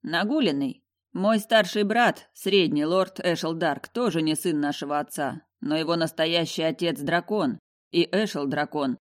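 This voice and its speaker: Brief: calm tired prince with a dry bitter edge, read by a woman, lowish voice, fantasy audiobook. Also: natural voice. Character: weary young prince, calm and wry. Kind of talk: audiobook character voice.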